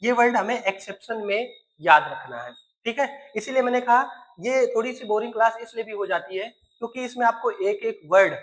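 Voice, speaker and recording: A male teacher speaks in a recorded classroom lesson. He addresses his pupils constantly, asking question after question. He slows down to spell words out one letter at a time. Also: sits high, a bit bright, low-quality recording. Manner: keeps quizzing students, spells words letter by letter.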